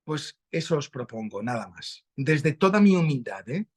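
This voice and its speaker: A man with an accent from Spain, explaining a Bible passage slowly and thoughtfully in a conversation over a video call. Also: a little high. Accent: Spanish from Spain. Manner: slow, reflective, animated rises when stressing a point. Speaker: guest speaker. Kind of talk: conversational religious teaching.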